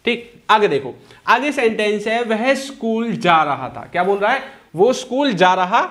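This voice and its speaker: A man, teaching grammar step by step. He explains patiently, keeps repeating points and checking in with rhetorical questions, and slows right down when he spells out each example sentence. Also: sits high, animated, a bit bright. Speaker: English teacher. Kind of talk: spoken English lesson explained in Hindi.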